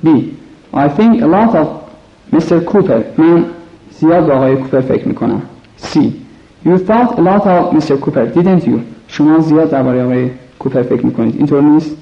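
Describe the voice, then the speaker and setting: Guy doing english drills, slow careful reading then fast translating, highish voice, echoey muffled tape. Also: creaky. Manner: reads English sentences slowly, then translates quickly with hesitations. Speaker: English teacher. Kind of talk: language lesson drills. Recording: echoey lo-fi recording.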